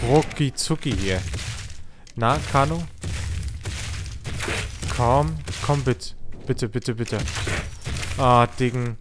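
A man commentating a game as a streamer, excitable and coaxing the creatures he tries to tame. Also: medium pitch, background noise. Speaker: gaming streamer. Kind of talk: let's play commentary.

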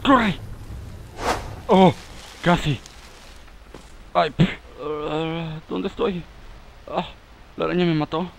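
A young man giving excitable let's play commentary, often yelling in panic at the game. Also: a little high, extremely slow, creaky, pauses often, noisy background. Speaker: gamer.

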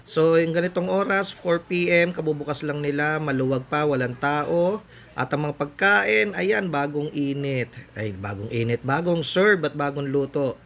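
A man's voice: on the high side, normal speed, gravelly, a bit bright. A man in his thirties from the Philippines, narrating a casual food vlog as he tours a buffet restaurant and lists the dishes in an upbeat, tour-guide manner, on a phone held at arm's length. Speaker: food vlogger. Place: large indoor buffet restaurant.

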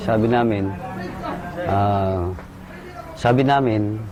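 A man, a soldier, recalling a firefight in short halting bursts and military jargon. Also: lowish voice, crowd noise, poor audio. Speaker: soldier recounting combat. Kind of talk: casual spoken recollection.

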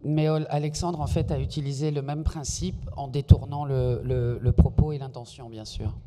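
A man's voice: mid-range voice, fairly even intonation, moderate pace, background noise. A man interpreting a talk, fluent but often correcting himself with fillers. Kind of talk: consecutive interpreting into French. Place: large hall. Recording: long hall reverb.

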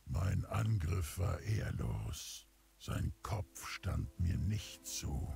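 An actor playing a weary, honour-bound old orc warrior in a video game, with a deep gravelly voice and a grave, deliberate manner. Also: male voice, big pitch swings, mellow, faint music behind, full character voice. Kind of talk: video game cutscene acting.

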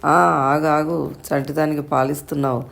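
A woman voicing an affectionate, anxious middle-aged mother in a read-aloud story, talking in a fond, fussing way with a creaky, even voice. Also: low-pitched, normal speed. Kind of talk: storybook narration.

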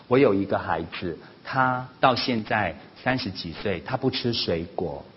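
A man giving a sermon-style parenting lesson at church, animated, often acting out family quarrels in a raised voice. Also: lowish voice, unhurried. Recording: slightly dull lo-fi recording with faint noise.

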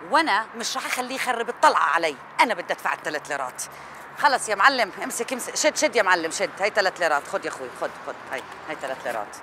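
A woman acting out an exasperated wife, talking very fast in a lowish, swooping voice. Clear background noise runs under her lines. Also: animated, close to an everyday voice. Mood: hurried. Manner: exasperated, defiant. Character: exasperated young wife standing her ground. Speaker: wife in a comedy sketch. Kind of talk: sketch comedy acting.

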